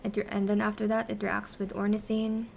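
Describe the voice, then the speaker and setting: On her study stream, a biochemistry-teaching woman talks briskly in a monotone, medium-pitched voice with vocal fry and a slightly mellow quality. She casually explains science by asking questions and answering them, partly muttering to herself as she reasons through each one. The recording has a little hiss or hum.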